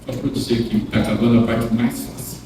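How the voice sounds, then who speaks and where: A man's voice: medium pitch, level tone, quick pace, background noise. Emphatic preacher man in an echoey hall. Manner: emphatic and dramatic, swinging between loud declarations and hushed near-whispers; asks the congregation direct questions. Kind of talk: sermon. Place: large church hall. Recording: echoey hall recording from far off.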